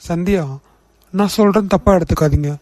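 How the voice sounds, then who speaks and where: A man's voice: sits high, brisk, darkish tone, no echo, natural voice. A man voicing a firm young office boss. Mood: urging. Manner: firm, indignant, lecturing. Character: young male office boss, protective and outspoken. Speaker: CEO. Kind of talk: cartoon voice acting.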